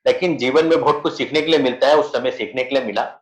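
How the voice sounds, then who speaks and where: A man's voice: mid-range voice, fast talker. A middle-aged man with an Indian accent, telling his personal story in a conversational, earnest way as a network marketing leader on a video call. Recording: echoey room on a video call.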